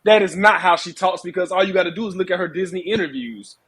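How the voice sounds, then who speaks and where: A man's voice: sits high, quick pace, fairly bright tone, husky. A man hosting a casual podcast chat over a video call, blunt, profane and heated. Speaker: podcast host.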